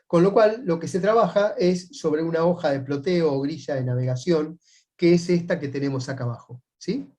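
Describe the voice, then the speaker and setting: A man with a Rioplatense Spanish accent teaching a sailing class, explaining step by step and often checking in with quick "right?" tags. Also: a little high, a little mellow. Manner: patient, methodical step-by-step explaining. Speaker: sailing instructor.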